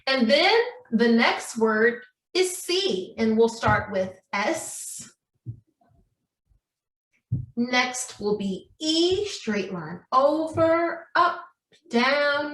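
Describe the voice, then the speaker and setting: Heard through a distant microphone in an echoey room, a woman with a high, fairly bright voice teaches a children's craft and writing lesson. As a preschool story time teacher, she addresses the young kids in an encouraging, sing-song way and keeps checking in with questions.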